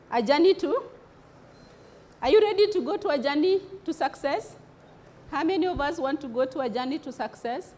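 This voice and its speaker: A woman's voice: high voice, darkish tone. A woman giving a motivational speech to students at a congress, asking rhetorical questions and repeating key words for emphasis. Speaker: motivational speaker. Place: conference hall.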